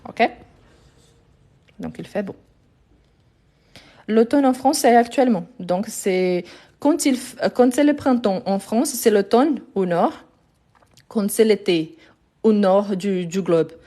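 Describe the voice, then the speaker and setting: Mellow-voiced woman teaching French grammar. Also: medium pitch. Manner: patient, explains step by step, often checks with "ok?". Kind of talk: live online grammar lesson.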